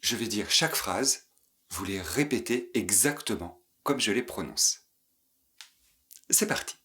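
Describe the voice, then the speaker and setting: A man teaching pronunciation, saying each phrase slowly and carefully and breaking words into single sounds for learners to repeat. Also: fairly low pitch, expressive, sharp tone. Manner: very slow, deliberate, repeats sounds and syllables for learners. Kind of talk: pronunciation drill lesson.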